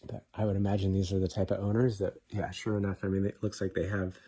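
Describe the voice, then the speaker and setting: A man casually narrating a walking tour of a house, offhand and relaxed with frequent ums. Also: sits low, fast. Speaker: home tour host. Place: inside a house being toured.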